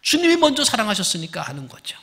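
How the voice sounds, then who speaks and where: Male pastor, church sermon; gravelly, bright, forceful, animated, drops to hushed whispers for emphasis. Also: sits high, fast talker. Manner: wide swings between loud emphasis and hushed, whispered lines. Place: church sanctuary.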